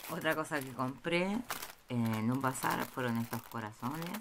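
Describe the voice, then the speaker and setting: Woman, slow, hesitant, casual show-and-tell, noisy tabletop recording. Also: extremely low pitch. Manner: slow, hesitant, with many pauses and fillers. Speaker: craft vlogger showing a haul. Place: indoors at a table. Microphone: camera over a tabletop, speaker off-screen. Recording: noisy room with crinkling packaging.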